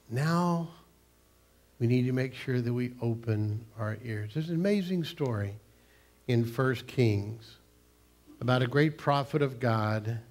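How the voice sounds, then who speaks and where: An older man, a pastor preaching a sermon in a church sanctuary, swinging between loud emphasis and hushed, near-whispered lines. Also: mid-range voice. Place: church sanctuary, large room.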